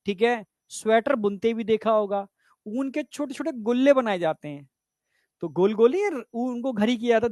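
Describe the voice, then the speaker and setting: A man with an extremely high voice gives a chatty biology exam-prep lecture, captured on a lapel mic with studio quality and no echo. He repeatedly says "theek hai" and checks whether his students follow.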